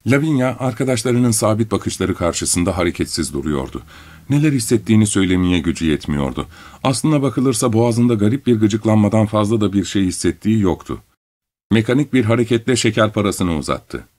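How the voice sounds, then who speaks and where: A man narrating an audiobook in a measured storytelling manner. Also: lowish voice, animated, darkish tone. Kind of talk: scripted narration.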